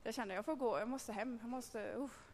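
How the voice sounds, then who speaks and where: A woman's voice: on the high side, a little mellow, in a large hall. A woman giving a candid, conversational personal testimony to a group, with frequent hesitations. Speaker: speaker telling a personal faith story.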